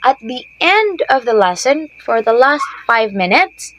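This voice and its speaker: A woman's voice: a little high, sing-song, measured pace, a bit bright, slight background noise, poor audio. A woman teacher giving patient, explanatory tips to other teachers, often checking in with "okay?". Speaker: ESL teacher. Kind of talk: instructional talk to teachers.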